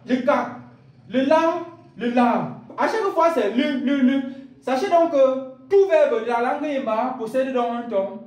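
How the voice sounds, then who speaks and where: A man teaches a language lesson to his viewers, going step by step and repeating each rule. His voice sits very high, and the room around him is echoey. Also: a little mellow, distant mic. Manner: explains step by step with repetition, addresses viewers directly.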